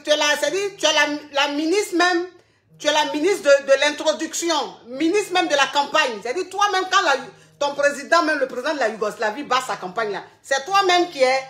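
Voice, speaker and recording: High-voiced blunt woman call-in host. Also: fairly bright tone. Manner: blunt, repetitive, affectionate terms. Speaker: advice show host. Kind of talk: live call-in advice chat.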